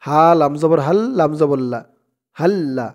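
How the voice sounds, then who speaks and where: A man with a Bangladeshi Bengali accent teaching Quran reading, chanting verses slowly and then breaking the words into syllables. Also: a little high, a little mellow. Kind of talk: slow step-by-step recitation lesson.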